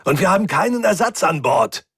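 A man doing a gruff hot-tempered furry engineer. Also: a little high, lively intonation, normal speed, voice pushed up. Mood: gruff, harried. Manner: harried, growling, shouting.

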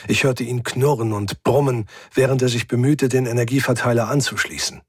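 A man's voice: steady tone, brisk, slightly rough, dry recording, clean studio sound. A man narrating a first-person science-fiction audiobook, reading with tension and lifting his voice for the characters. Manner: tense, voices characters by pitching up.

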